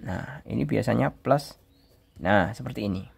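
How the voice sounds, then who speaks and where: A male English teacher from Indonesia, explaining grammar step by step and reading example sentences slowly aloud. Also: medium pitch, vocal fry, breathy edge.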